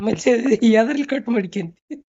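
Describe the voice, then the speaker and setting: This man's voice is extremely high-pitched, animated, and a little fast. On a noisy, band-limited phone call, he teases and scolds in casual banter, repeating his questions in a North Karnataka accent.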